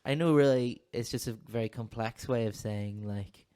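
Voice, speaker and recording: This co-host is a counsellor from Northern Ireland with a smooth, dark, mid-range voice at a moderate pace. Chatting casually on the podcast, he wanders, cuts himself off to restart sentences, laughs readily and coughs slightly.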